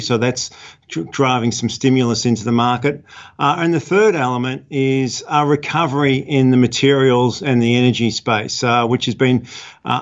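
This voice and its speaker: A man explaining markets as an interviewed fund manager, measured and halting with repeated words, on lo-fi audio. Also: mid-range voice.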